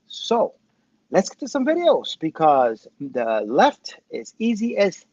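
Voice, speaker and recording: A man in his fifties with a fairly high, animated voice hosts a casual livestream. He rambles, swears and pokes fun at himself. The sound is tinny and a little muffled, as from a wireless headset. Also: slow, dry recording. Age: 50s. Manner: rambling, self-deprecating, profane. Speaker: host of a commentary show. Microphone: Bluetooth headphones' microphone.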